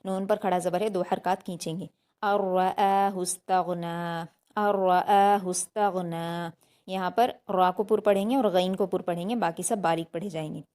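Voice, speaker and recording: A woman teaching recitation step by step, reading each word slowly and repeating it, then explaining it patiently. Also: lowish voice, steady tone, darkish tone. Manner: slow, drawn-out recitation between plain explanations.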